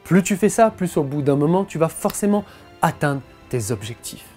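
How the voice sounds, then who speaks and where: A man's voice: on the high side, expressive, normal speed, a little mellow, faint music behind. Emphatic man coaching listeners. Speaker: motivational coach. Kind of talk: motivational talk.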